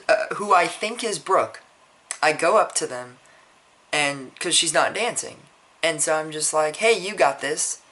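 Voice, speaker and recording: Guy vlogging a story, bright forceful voice, keeps restarting sentences, swears casually. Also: on the high side. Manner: rambling, frequent restarts, blunt and profane.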